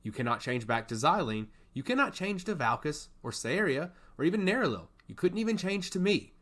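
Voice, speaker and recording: A male narrator voices a stern god of intellect laying down the law, his pitch sweeping and animated. The delivery is brisk, solemn and emphatic with a sly edge, wry in mood, in the style of fantasy audiobook character acting.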